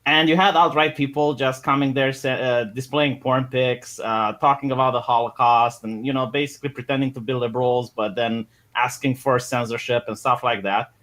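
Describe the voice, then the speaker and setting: A man debating on a casual livestream, talking fast with stammered restarts. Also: mid-range voice, fairly even intonation, fairly bright tone. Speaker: guest debater.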